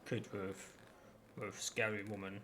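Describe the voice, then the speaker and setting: A man voicing a big dim-witted, grudging ogre in a tabletop game, speaking in slow, halting broken sentences. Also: fairly low pitch, level tone, fairly bright tone, slight background noise. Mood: wary, simple. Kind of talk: tabletop role-play character voice.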